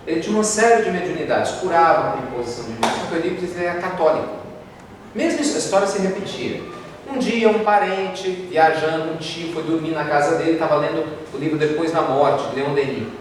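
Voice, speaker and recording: A Brazilian man with a Brazilian Portuguese accent gives a spiritist talk built on told stories, speaking briskly in a voice on the high side. A lively storyteller, he acts out the voices he quotes, captured by a distant mic in an echoey lecture hall with faint noise.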